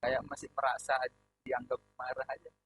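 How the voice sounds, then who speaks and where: Loud and booming, the young Medan-accented host from Indonesia speaks at normal speed in a monotone, with faint music behind him. He laughs often and jokes at his own expense during a relaxed video-call chat. The sound is dry, lo-fi call audio with a dull quality.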